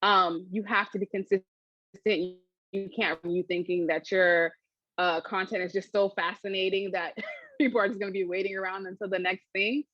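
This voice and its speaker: Female interviewee, mid-pitch, chatty and animated, laughs a lot; dry, slightly dull recording. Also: moderate pace, dry recording. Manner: chatty, animated, laughs often, many fillers. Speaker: interviewee, food channel creator. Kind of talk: casual interview answers.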